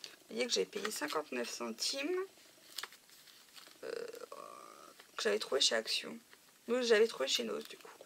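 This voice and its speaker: A woman with a fairly high, gravelly voice chats her way through a casual show-and-tell of craft supplies. She keeps filling gaps with "euh" and "voilà". The recording is noisy, with packets crinkling behind her. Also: measured pace, long pauses, a bit bright. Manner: chatty, often says "euh" and "voilà". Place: home craft room.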